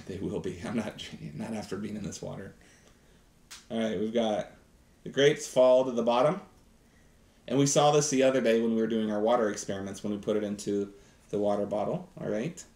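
A man's voice: fairly low pitch, steady tone, brisk, a little mellow. Enthusiastic man teaching science in kitchen. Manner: enthusiastic, chatty, talks to viewers. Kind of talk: live science demonstration. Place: home kitchen set, indoors. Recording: roomy kitchen echo.

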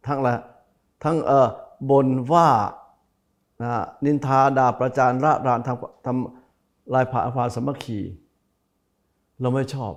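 A man's voice: mid-range voice, steady tone, slow, pauses often. A man who is a Buddhist monk, giving a televised dharma talk, stressing and repeating key phrases and speaking straight to the viewers. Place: broadcast studio.

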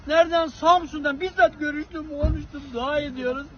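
A man's voice: very high voice, fairly even intonation, fairly quick, a bit bright. A man in his sixties, an earthquake survivor, giving an earnest, emotional account outdoors. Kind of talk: animated street testimony. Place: outdoors in a street by a smoky fire, among bystanders. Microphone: phone camera a short distance away. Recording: dull lo-fi phone recording, faint street noise.

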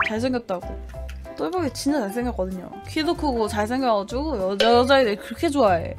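A woman's voice: fairly high pitch, expressive, fast talker. A young woman streamer chatting casually with a friend, teasing and laughing a lot, with music behind. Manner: teasing, laughs often, swears. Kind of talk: casual chat while gaming.

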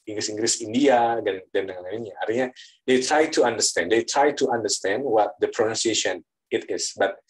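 Lecturer. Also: male voice, on the low side, normal speed, rough recording. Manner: explains with repeated fillers, switches often into English. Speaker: university lecturer. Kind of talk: online lecture.

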